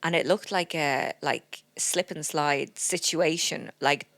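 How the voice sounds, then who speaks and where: A woman's voice: low voice, takes it slowly, vocal fry, fairly bright tone, no room sound. A woman in her thirties with an Irish accent, co-hosting a comedy podcast in a rambling, self-mocking chat. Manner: joking, self-deprecating, rambling with fillers. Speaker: podcast co-host. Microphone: studio podcast mic.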